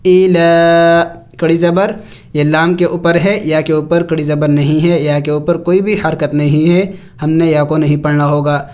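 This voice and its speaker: A Quran teacher giving a step-by-step tajweed lesson, spelling each syllable slowly and explaining the rules in quick asides. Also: mid-range voice, steady tone, a little mellow. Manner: chants the verses in long, drawn-out recitation.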